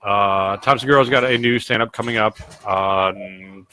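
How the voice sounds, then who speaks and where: A man's voice: on the low side, steady tone, unhurried, pushed and bright. A young man with a cold hosting a casual podcast, rambling and swearing freely. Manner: rambling, profane, laid-back. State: sick with a cold. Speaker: podcast host. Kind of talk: casual livestream podcast chat.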